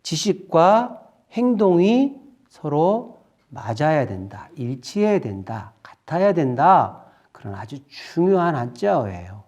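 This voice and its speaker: A man giving a children's sermon, telling a Bible story in an expressive way and speaking to the kids as friends. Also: on the high side, takes it slowly. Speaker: children's ministry preacher.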